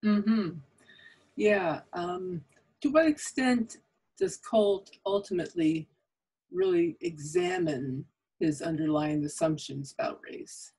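A woman hosting a podcast interview, asking measured questions in a friendly conversational way, recorded on a condenser microphone. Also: lowish voice, big pitch swings, darkish tone, husky, rough recording. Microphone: condenser mic on a boom arm.

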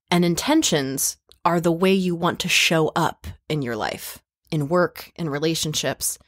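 A woman's voice: fairly low pitch, a bit bright, no room sound, studio quality. A woman hosting a podcast, giving casual spiritual advice in a playful way and swearing freely. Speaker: podcast host.

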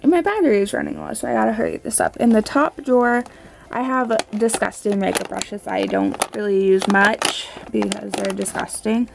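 A woman's voice: medium pitch, normal speed, vocal fry, noisy background. A young woman chatting casually to camera in a rambling, apologetic way, her speech slightly slurred by an appliance in her mouth for an overbite. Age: young adult. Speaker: beauty vlogger. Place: small bedroom at home.

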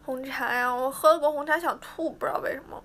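Chatty teenage girl idol, bright voice. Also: high voice, fairly even intonation, fast talker. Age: teens. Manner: chatty, playful, mimics fans' teasing. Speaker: idol livestreaming to fans. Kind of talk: casual livestream chat.

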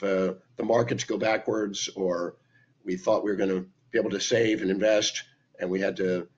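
An older man, hoarse and raspy from laryngitis, teaches while talking to camera in a room at home, his deep voice emphatic and lecturing as he lists points with hand gestures. He is a speaker and teacher, and the webcam sound is dull and lo-fi.

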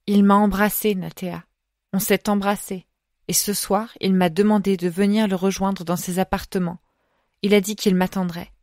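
A woman's voice: medium pitch, level tone, normal speed, darkish tone, dry recording, studio quality, lightly acted. A woman doing a shy young woman in love. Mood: dreamy. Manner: murmured, hesitant.

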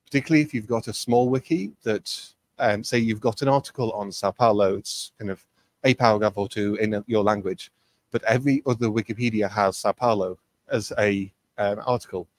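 A man's voice: on the low side, fairly quick, no echo. A man presenting a technical training webinar, explaining conversationally with frequent ums and uhs.

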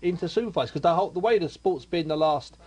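A man's voice: a little high, fast, warm tone, slightly rough. Emphatic, chatty male radio host. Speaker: radio boxing show host. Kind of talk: radio interview chat.

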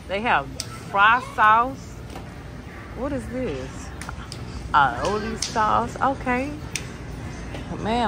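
A woman's voice: medium pitch, background noise. A woman, filming a chatty grocery vlog while walking supermarket aisles with a handheld phone and talking to her viewers as "y'all.". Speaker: vlogger. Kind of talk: casual grocery vlog narration. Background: store background music.

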